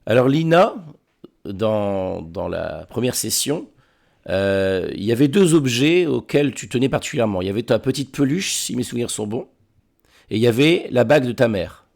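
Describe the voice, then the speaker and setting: A man narrating a tabletop role-playing game as game master, halting and often repeating words. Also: mid-range voice, lively intonation, creaky, a little mellow.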